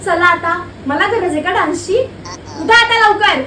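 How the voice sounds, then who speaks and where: A woman's voice: very high-pitched, expressive, normal speed. A woman playing a strict, exasperated school dance teacher in a comedy sketch, scolding and nagging her students sarcastically. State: sore throat from shouting. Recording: roomy, distant mic, clear ambient noise.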